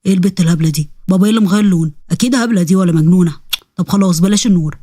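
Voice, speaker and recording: A woman's voice: fairly low pitch, very fast, mellow, no room sound, clean studio sound, pitched below the performer's own voice, natural voice. A woman voicing a bumbling young male demon who grumbles and schemes, with an Egyptian accent. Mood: scheming. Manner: grumbling, scheming under breath.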